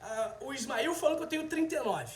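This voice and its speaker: A man of about thirty with a Brazilian accent talks briskly in a very high voice with lively intonation. He is a livestream host and health video presenter chatting casually and directly to viewers, and the sound is roomy and echoing.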